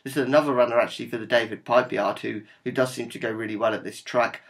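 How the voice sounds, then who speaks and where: A man's voice: medium pitch, steady tone, fast talker. A man with a Norfolk English accent, informally presenting a horse racing tips video in a conversational, upbeat, matter-of-fact way. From Norfolk, England.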